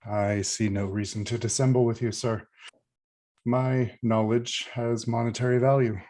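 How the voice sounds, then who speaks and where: A man playing a tabletop game, speaking in character in a measured, matter-of-fact way. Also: mid-range voice, level tone, warm tone. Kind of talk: improvised in-character role-play.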